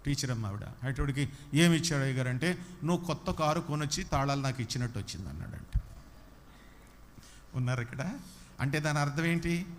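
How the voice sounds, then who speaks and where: A man's voice: mid-range voice, animated, fairly quick, long pauses, slight background noise. A man preaching a sermon, repeating lines for emphasis and often asking if the listeners understood. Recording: long hall reverb.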